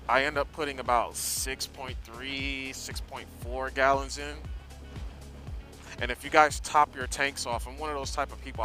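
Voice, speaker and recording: Male American motovlogger, bright forward voice, loose digressive ride-along chat heard from inside a helmet, faint music and vehicle behind. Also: medium pitch. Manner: talking from inside a motorcycle helmet while riding. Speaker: motorcycle vlogger. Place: inside a helmet on a moving motorcycle.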